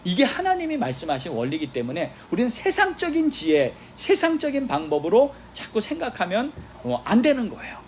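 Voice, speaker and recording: There's slight background noise as a male pastor with a high voice preaches a little fast, with hardly any pauses, in a church sanctuary. He tells lively stories with exclamations and quoted dialogue and prompts responses from the congregation.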